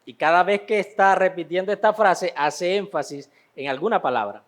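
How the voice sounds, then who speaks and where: High-voiced man teaching a Bible class. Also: moderate pace. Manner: conversational, repeats phrases for emphasis.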